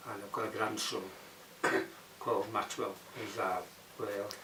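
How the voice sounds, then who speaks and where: This is a man in his sixties from Bootle, Liverpool, giving unscripted answers as a documentary interviewee. His Liverpool-accented voice is lowish, unhurried and fairly flat in pitch. He sounds distant from the mic in a roomy space with noticeable background noise.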